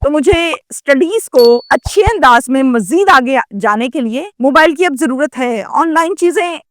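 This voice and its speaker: A woman's voice: high-pitched, lively intonation, measured pace, a little hiss or hum. A woman voicing a pleading, defensive twenty-year-old student.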